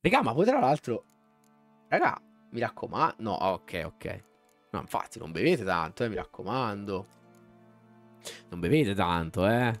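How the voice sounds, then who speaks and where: A streamer with a lowish voice comments live on his gameplay at a measured pace, leaving long pauses. He's animated and slangy, talking to his chat, with faint background music behind him.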